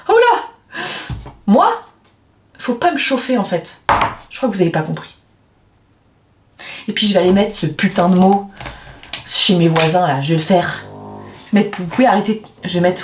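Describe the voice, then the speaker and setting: Recorded in an echoey room with faint music and a little hiss or hum, a woman with a slightly high voice vents to her vlog viewers. She's casual and exasperated, breaking into theatrical outbursts and swearing.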